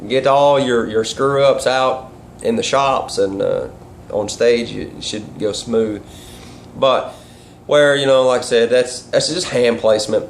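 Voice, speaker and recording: A man gives a casual, hands-on lesson in a folksy, rambling style. His voice sits at a middling pitch and his grammar is loose and colloquial. There is clear noise behind him on the recording. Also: unhurried. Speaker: duck calling instructor and caller. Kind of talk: casual instructional vlog talk.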